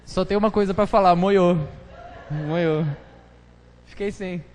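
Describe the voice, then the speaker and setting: A man's voice: sits high, measured pace. A pastor preaching a casual, joking sermon full of slang, chatting with his congregation during a live church service. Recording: live church hall reverb, faint noise.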